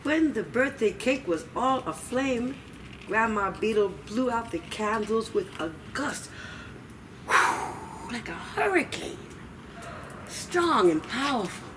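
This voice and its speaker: At a library storytime, a woman with a slightly high voice reads aloud slowly and animatedly to young children, expressive and dramatic, with asides to her listeners. The small indoor children's room comes through on a distant mic with noisy ambience.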